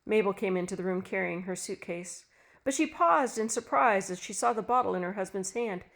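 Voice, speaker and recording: Narrator: woman, mid pitch, steady scripted storytelling. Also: fairly quick, vocal fry.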